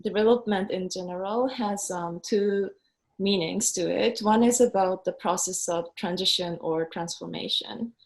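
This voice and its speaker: A woman speaking at a middle pitch with a noticeably gravelly, fry-laden voice. She explains ideas in a careful, academic way. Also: a little slow, poor audio. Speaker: development expert. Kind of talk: documentary interview.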